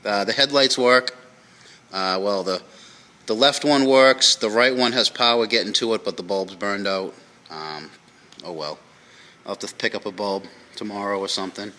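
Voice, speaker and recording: A tired man gives a casual, off-the-cuff update as a car vlogger. His delivery is low-key and halting, as he talks to his viewers. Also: bright, forceful tone. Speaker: car vlog host.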